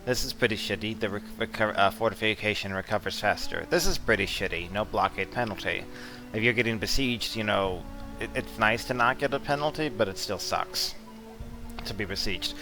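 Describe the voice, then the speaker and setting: A man giving relaxed, blunt commentary while walking through a strategy game, with mildly profane asides. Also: fairly low pitch, a little fast, over music. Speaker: strategy game guide presenter. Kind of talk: casual gameplay commentary.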